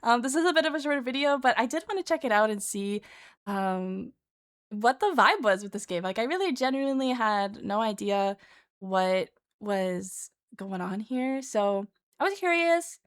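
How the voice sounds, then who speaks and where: Casting: female streamer, fairly high voice, informal reaction chat, thinking aloud. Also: expressive, normal speed, clear, resonant tone.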